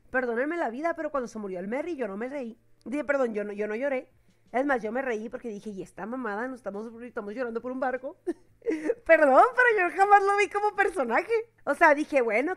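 A woman with a Mexican accent chats through a reaction video in a high, youthful voice. Her talk is slangy and loose, and she keeps stopping to correct herself. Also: fairly bright tone. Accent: Mexican Spanish. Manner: chatty, slangy, self-correcting, laughs often. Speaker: anime reaction youtuber. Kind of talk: casual reaction commentary.

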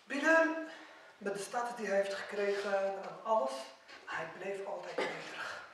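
Male preacher, high-pitched, dramatic storytelling lecture recorded from afar in a reverberant mosque hall with faint noise. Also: lively intonation, normal speed. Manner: storytelling, voicing quoted figures with swings in loudness. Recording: very echoey hall, distant mic.

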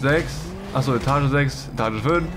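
A man's voice: medium pitch, normal speed, noisy background. A man in his twenties reacting casually to video game clips with slangy, exclamatory banter on a close microphone. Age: 20s. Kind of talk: casual gaming reaction chat. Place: small indoor room. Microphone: close boom-arm studio microphone.

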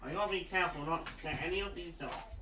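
A man's voice: on the high side, quick pace, music in the background. A man casually showing his toy collection to the camera, rambling with frequent ums and asides. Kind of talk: casual show-and-tell.

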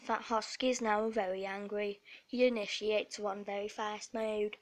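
A woman's voice: mid-range voice, level tone, measured pace. A young woman narrating her dog at home as a playful parody of a nature documentary, with mock-serious commentary. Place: at home indoors.

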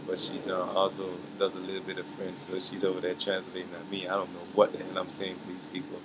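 A man talks easily into a handheld camera on an outdoor balcony, his speech loose and full of slang. His voice sits low and barely rises or falls. Traffic and air-conditioning hum run clearly beneath him. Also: monotone, fast talker. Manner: laid-back slangy talk, frequent "you feel me". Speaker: musician vlogging from a trip. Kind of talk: casual vlog update.

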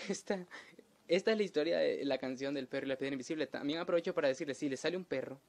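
Young man, crude self-mocking humor, deadpan delivery, casual storytelling. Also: a little high, fast. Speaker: comedic storyteller. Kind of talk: casual comedic monologue.

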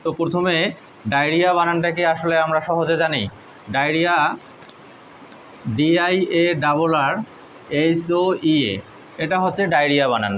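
A man teaching English spelling tricks, spelling words out letter by letter in a slow, deliberate way. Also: on the high side, lo-fi sound, slight background noise. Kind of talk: spelling lesson.

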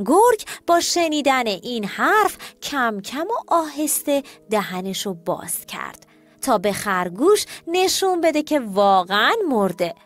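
Animated, high-voiced woman telling children's stories. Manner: animated, addresses children directly. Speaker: storyteller. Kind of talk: scripted children's story narration. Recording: soft music bed.

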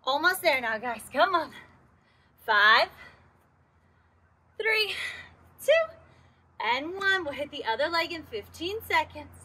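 Breathless high-voiced woman fitness instructor. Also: expressive, slow pace, long pauses, pushed and bright. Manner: encouraging, counts down intervals, works out while talking. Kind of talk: workout class cueing with countdowns.

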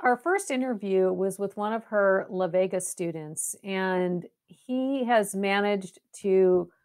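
A woman's voice: medium pitch, slow pace, darkish tone, smooth. A woman from the US West Coast, a paranormal investigator, talking casually as a podcast guest, enthusiastic and often repeating words as she thinks. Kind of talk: casual interview talk.

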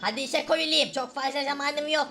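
A woman's voice: high voice, fairly quick, bright, forceful tone. A woman voicing a cheeky, mischievous little boy who bosses his babysitter around and plays sly tricks, over game music. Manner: bossy, sly, teasing.

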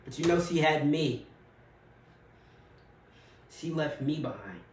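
A man performing a dramatic monologue as a grieving widower, bitter and heartbroken, with a measured, quiet, halting delivery. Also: mid-range voice, a little hiss or hum, close to an everyday voice. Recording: roomy echo, from far off.

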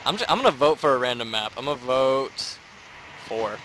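A young man hosting a casual let's-play, playful and quick to laugh. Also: medium pitch, big pitch swings, bright, forceful tone, slight background noise. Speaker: gaming channel host.

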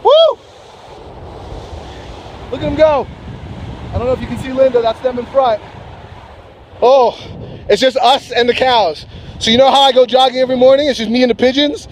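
A young man filming a travel vlog outdoors in the mountains on a selfie stick camera, excitable and whooping as he rides up and paraglides. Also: very high-pitched, a little fast, pauses often, a little hiss or hum. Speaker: travel vlogger. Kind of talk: casual vlog narration. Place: outdoors on a mountain, cable car then paragliding.

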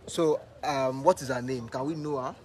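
A man with a Nigerian accent asking polite, measured interview questions with fillers. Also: mid-range voice, fairly even intonation, darkish tone.

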